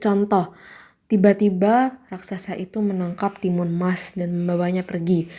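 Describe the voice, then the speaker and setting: A woman teacher explaining a class lesson step by step, often pausing on "nah" and reading examples aloud. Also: mid-range voice, dark tone.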